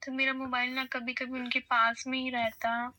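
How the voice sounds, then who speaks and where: A woman's voice: high voice, little pitch movement, moderate pace, sharp tone, a little hiss or hum. A woman's voice run through a voice changer, coaxing and flirty on a prank phone call. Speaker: prank caller.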